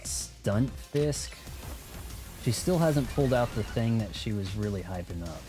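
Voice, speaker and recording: With game music playing behind him, a male streamer rambles casually through a let's play, mostly talking to himself. His voice is on the low side, slightly slow, with lively intonation.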